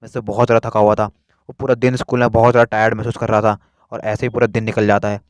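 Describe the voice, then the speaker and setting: A man narrating a spooky story in a hurried, repetitive way. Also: on the low side, flat delivery, smooth, dry recording, clean studio sound.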